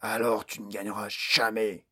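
A man voicing a snarling, husky orc boss. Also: fairly low pitch, level tone, moderate pace, sharp tone, full character voice. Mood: menacing. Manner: snarling, menacing, bellowing orders. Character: angry domineering male orc boss, huge.

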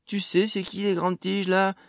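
A man voicing a brash, sharp-tongued female dwarf in an audiobook, slangy and defiant. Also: high voice, flat delivery, normal speed, creaky, dry recording, clean studio sound, pitched above the performer's own voice. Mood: mocking defiant. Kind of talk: audiobook character voice.

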